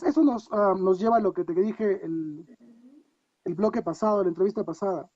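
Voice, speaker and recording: A guest coach from Peru, speaking with a Peruvian Spanish accent, talks reflectively on a video call in a casual interview, often posing rhetorical questions to himself. His voice sits high with a dark tone, and the audio is dull with no room sound.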